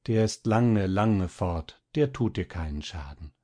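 A tender, loving mother voiced by a man reading a story. She speaks softly and slowly to calm a child. The tone stays low and husky. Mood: soothing.

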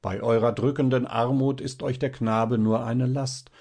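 A man voicing a kindly, doting older village pastor who speaks in an earnest, unhurried way. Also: medium pitch, fairly even intonation, a little mellow, pitched above the performer's own voice, lightly acted.

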